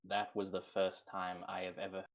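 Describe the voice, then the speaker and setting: A man with a deep, low voice talks in a measured, formal way during an online tabletop game. His mic crackles and keeps cutting out, and the sound comes through dull and lo-fi. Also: completely flat delivery. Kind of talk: casual online game chat. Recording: dull lo-fi voice-call mic with dropouts.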